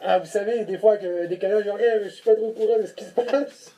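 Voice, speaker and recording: A man with a French accent phones in to a podcast, loose and unhurried, padding his sentences with fillers. His voice sits high for a man yet stays mellow and soft-edged. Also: fairly even intonation, muffled recording. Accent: French from France. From Marseille, France. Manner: laid-back, drawling, filler-heavy. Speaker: phone-in caller. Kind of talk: joking call-in chat.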